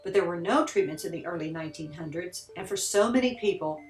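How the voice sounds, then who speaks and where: A woman with a Kentucky accent leads a tour, her fairly low voice explaining things in an easy, conversational way. She is recorded indoors in a large, empty building, and the sound bounces around the hall. Faint music plays underneath. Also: fast talker, recorded from a distance. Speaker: tour guide. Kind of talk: on-site tour narration. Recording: roomy echoing hall.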